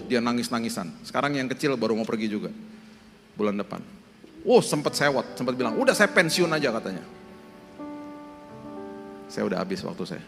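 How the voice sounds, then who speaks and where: A man in his fifties, a pastor, preaching a sermon in lively storytelling style, acting out the voices he quotes. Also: medium pitch. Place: church hall. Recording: long hall reverb with faint music.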